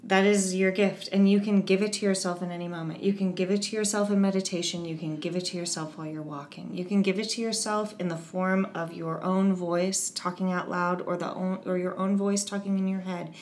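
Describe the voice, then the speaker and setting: Earnest, encouraging woman with a lowish voice. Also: fairly even intonation, a little fast, few pauses, a little mellow, echoey room, slight background noise. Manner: earnest, encouraging, rambling with many restarts. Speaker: guest, eating disorder advocate. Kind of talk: casual interview conversation.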